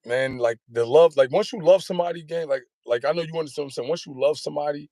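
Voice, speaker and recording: A man's voice: a little high, fast talker, mellow, no echo. A man in his thirties telling his story as an interview guest, rambling in slangy street talk and often asking if you follow. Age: 30s. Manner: rambling, repeats "you know what I'm saying".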